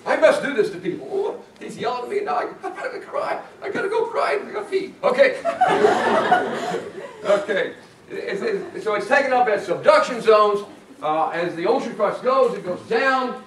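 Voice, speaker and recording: A man giving a lively, playful university geology lecture to students in a lecture room. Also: high voice, background noise. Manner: animated, playful, talks to students. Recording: echoey room from far off.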